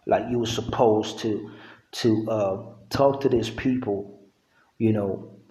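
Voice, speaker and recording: Slow, laid-back middle-aged man, roomy sound. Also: lowish voice, dark tone. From Uganda. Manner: laid-back, conversational, with frequent "you know what I'm saying". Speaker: vlogger. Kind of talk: casual monologue to camera.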